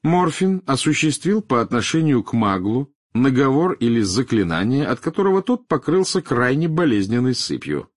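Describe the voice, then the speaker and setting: A man voicing a calm, stubborn male ministry official in a measured, formal way. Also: medium pitch, no echo, studio quality, voice pushed up. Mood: firm.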